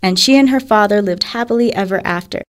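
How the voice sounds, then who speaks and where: A woman narrating a children's story in a clear, deliberate way. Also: medium pitch.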